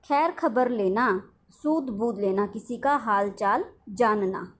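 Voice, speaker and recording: A woman's voice: on the high side, a little hiss or hum. A woman teacher, giving a lesson to a primary school class, reading out words one by one and explaining them. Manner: slow, dictating words one at a time with explanations.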